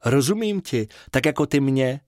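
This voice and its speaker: A man voicing a kind female bubble fairy who speaks softly and reassuringly. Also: medium pitch, animated, dry recording, studio quality, voice pushed up, close to an everyday voice. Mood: gentle.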